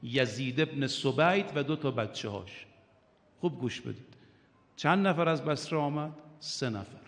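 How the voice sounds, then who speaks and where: A man's voice: medium pitch, lively intonation, gravelly, fairly bright tone, long reverb tail. An older man preaching an impassioned religious sermon, with rising and falling emphasis and recited quotations.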